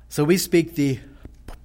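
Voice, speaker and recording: Speaking in a warm, creaky voice that sits on the high side, a middle-aged Texan missionary describes his work to a church congregation and answers questions. He's folksy and halting, often starting his sentences over.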